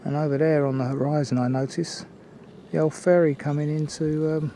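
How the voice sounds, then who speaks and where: An older man giving a casual, unhurried, observational commentary as he films a walk outdoors. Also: on the high side, level tone, warm tone. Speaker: hiking vlogger. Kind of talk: casual walking commentary to camera. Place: outdoors on woodland and mountain trail. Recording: outdoor ambient noise.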